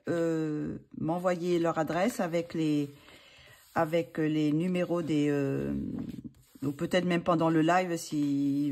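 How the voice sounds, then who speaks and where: Low, mellow-voiced woman chatting hesitantly. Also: slight background noise. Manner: hesitant, many fillers and restarts. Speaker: channel host showing books for a giveaway. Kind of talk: casual chat.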